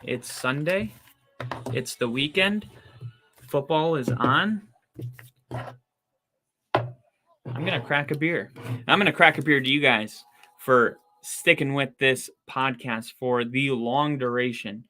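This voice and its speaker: A young man talks a football game through for his podcast audience, casual and chatty, his bright, forceful, mid-range voice climbing to loud disbelief at the plays. He takes it slowly with long pauses, faint music plays behind him, and his voice is wearing out from talking so long.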